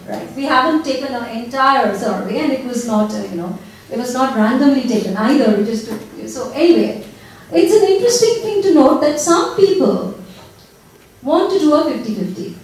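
A woman moderating a seminar audience game, prodding people for answers in a brisk way. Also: high-pitched, a little mellow. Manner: brisk, prodding, laughs between questions. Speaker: discussion moderator. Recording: echoey room from far off.

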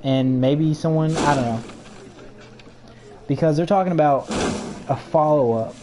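Young dude on a gaming podcast, blunt and opinionated, casual swearing, faint hiss. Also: male voice, on the high side, measured pace. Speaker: podcast co-host.

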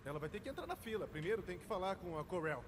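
A man's voice: high voice, big pitch swings, fast talker, noisy background. A man voicing a breezy, placating spaceship captain with a Brazilian accent in a game dub. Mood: hurried. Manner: casual, placating.

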